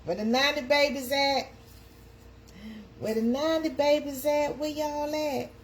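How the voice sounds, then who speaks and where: A woman's voice: high-pitched, fairly even intonation, a little slow, a little hiss or hum. A woman, hosting a casual live chat and calling out to her viewers. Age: 50s. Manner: chatty, calls out to viewers. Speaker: live stream host.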